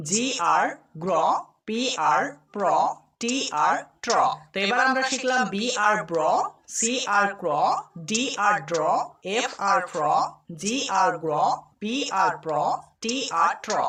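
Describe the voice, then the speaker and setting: Bright-voiced woman teaching phonics. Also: medium pitch. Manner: slow, patient, repeats each sound. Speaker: English teacher. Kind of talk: online phonics lesson. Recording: echoey room, a bit far from the mic.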